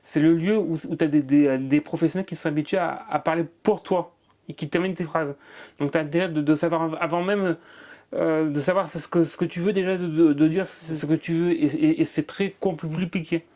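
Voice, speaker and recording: This man, a comedian from Marseille in France, talks through an interview with frequent stuttering repetitions. His warm voice is on the high side, steady, and a little fast.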